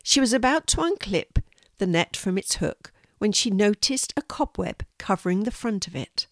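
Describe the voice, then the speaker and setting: An older woman, reading a children's story in a gentle, warm storytelling manner. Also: mid-range voice, lively intonation, moderate pace, no echo, clean studio sound.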